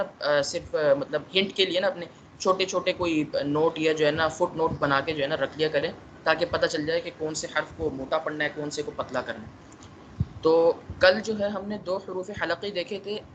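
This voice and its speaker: A man's voice: sits high, pushed and bright, highs cut off, slight background noise. A man teaching a class, explaining patiently and saying letter sounds aloud to show how they are made. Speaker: tajweed teacher.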